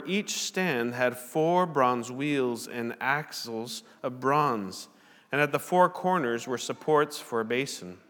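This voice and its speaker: Male pastor at a pulpit mic, mid-range voice, steady deliberate reading, big reverberant sanctuary. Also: medium pitch. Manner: measured, deliberate reading aloud. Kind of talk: sermon with scripture reading. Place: church sanctuary. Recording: long church hall reverb.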